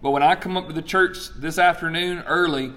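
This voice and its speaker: A pastor in his forties with a somewhat high male voice, preaching with emphatic storytelling. He often throws questions to the congregation and answers them himself. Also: a little fast, a bit bright. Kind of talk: sermon.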